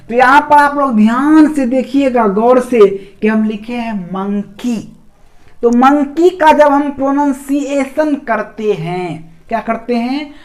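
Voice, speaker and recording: Patient Bihari-accented man teaching grammar. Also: very high voice. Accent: Bihari Hindi. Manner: asks rhetorical questions and answers them himself; repeats examples slowly, syllable by syllable. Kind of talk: classroom video lecture.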